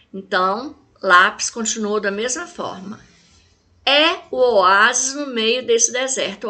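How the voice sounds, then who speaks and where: A woman from Brazil giving a recorded lesson to children, patient, stopping often to check in with her pupils and drawing out words slowly as she models them. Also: a little high, pushed and bright. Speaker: teacher.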